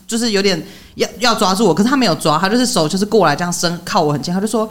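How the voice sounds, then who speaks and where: A young woman with a Taiwanese Mandarin accent, co-hosting a casual podcast and cracking quick quips. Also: medium pitch. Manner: quick quips, laughs while telling stories. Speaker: podcast co-host. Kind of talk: casual chat.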